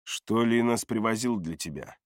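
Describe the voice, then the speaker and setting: Man doing a quiet menacing mage. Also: normal speed, dry recording, studio quality, natural voice. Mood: cold. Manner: low, quiet, threatening. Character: menacing, cold-voiced male mage.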